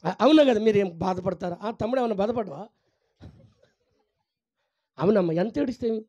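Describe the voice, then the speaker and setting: A male pastor delivers a fervent fasting prayer sermon, swinging between loud exclamations and hushed, tender pleading while calling his listeners child and mother. His voice is high and slightly rough. The audio sounds dull.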